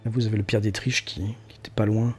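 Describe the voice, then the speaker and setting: A man's voice: on the low side, fairly even intonation, fast talker, darkish tone. A man narrating an improvised tabletop role-playing game as game master. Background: faint music.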